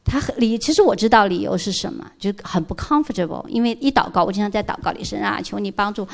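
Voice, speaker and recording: A middle-aged woman gives a heartfelt church testimony in an earnest, emotional storytelling manner. Her voice has a gravelly, creaky edge, and her pitch sits in an ordinary middle range. She slips English words into her speech now and then. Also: lively intonation, quick pace. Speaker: church member giving testimony.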